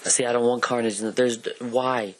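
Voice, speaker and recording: A man's voice: medium pitch, little pitch movement, moderate pace. A man co-hosting a casual chat about movies and sports, rambling with lots of fillers. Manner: rambling, filler-heavy, hedging. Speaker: podcast co-host.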